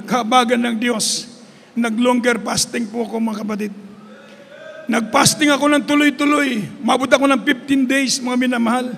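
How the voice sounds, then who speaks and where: A male Filipino preacher delivers a sermon in a very high, bright voice, switching freely between Tagalog and English. He returns again and again to the same fond address to his listeners. The voice carries a long reverb from a large church hall. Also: gravelly.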